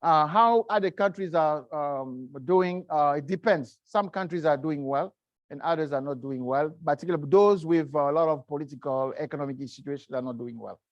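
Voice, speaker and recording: A middle-aged man, a guest speaker, answering seminar questions in a halting way, often searching for words. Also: fairly high pitch, no room sound, muffled recording. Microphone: video call.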